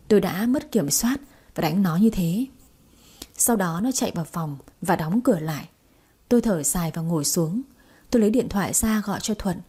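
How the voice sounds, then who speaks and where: Husky female storyteller, low-key mellow tone, steady scripted narration.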